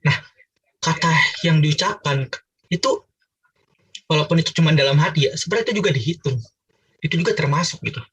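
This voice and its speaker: A man's voice: on the high side, a little fast, long pauses, a bit bright, husky, recorded from a distance, highs cut off. A man from Manado leading a casual Bible discussion for a cell group, chatty and teasing with many fillers.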